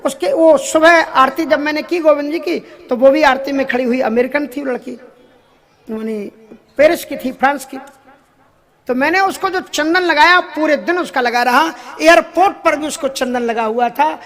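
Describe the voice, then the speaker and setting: A man with a strikingly high voice delivers a devotional sermon at a normal pace, his tone fairly bright. He illustrates spiritual ideas with everyday stories, chuckles as he goes, and now and then drops in English phrases.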